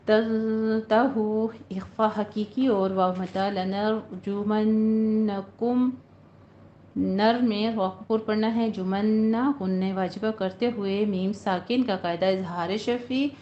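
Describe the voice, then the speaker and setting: A woman gives a Quran recitation lesson. She chants each verse slowly and carefully, then explains the rules in quick, plain speech. The recording is dull and lo-fi, with a faint hiss behind her voice. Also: mid-range voice, fairly even intonation. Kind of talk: tajweed lesson with slow recitation.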